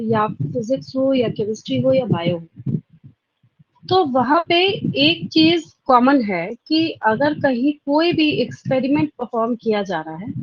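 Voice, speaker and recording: A biology teacher with an Indian accent delivers an exam-prep lecture, asking questions aloud, answering them herself and repeating the key points. Her voice is high-pitched and husky. The audio is dull, with no room sound.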